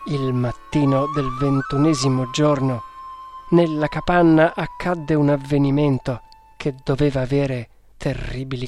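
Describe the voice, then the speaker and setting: A man reading an adventure novel aloud as narrator, slowly and in a measured way. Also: mid-range voice, a little mellow, dry recording, clean studio sound. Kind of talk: audiobook reading.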